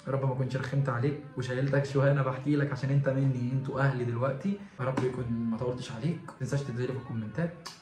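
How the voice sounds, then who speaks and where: A young man with an Egyptian Arabic accent talking to his viewers in a heartfelt, halting vlog, repeating himself and restarting often. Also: mid-range voice, steady tone, darkish tone. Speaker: vlogger. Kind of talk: confessional vlog talk to viewers. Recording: echoey room with faint music behind.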